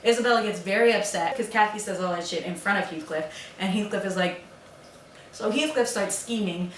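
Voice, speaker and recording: A woman's voice: medium pitch, moderate pace, slight background noise. Profane, sarcastic young woman, roomy sound. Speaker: YouTuber. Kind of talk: comedic book summary. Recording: roomy, from a distance.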